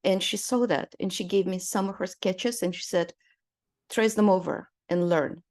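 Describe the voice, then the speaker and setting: This Romanian-born woman in her sixties, appearing as a guest artist, speaks at a moderate pace in a darkish, mid-range voice. Her conversational interview answers unfold like stories, dotted with fillers and quick laughs.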